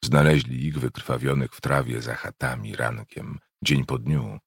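A man reading a novel aloud in a somber first-person narration, measured and grave. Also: a bass voice, steady tone, gravelly, breathy edge, no echo, clean studio sound. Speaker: audiobook narrator.

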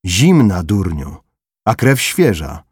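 A man voicing a coarse Red Army corporal who mocks and barks orders in a husky voice. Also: low-pitched, very animated, measured pace, no echo, clean studio sound, full character voice. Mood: barking. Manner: crude, mocking, barking.

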